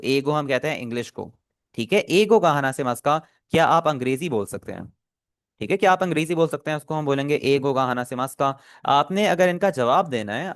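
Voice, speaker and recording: A man's voice sits a little higher than most men's and sounds dry and close to the mic. He teaches Japanese in an online class. He is patient, and he repeats each phrase slowly and carefully so the students can copy it. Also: no room sound.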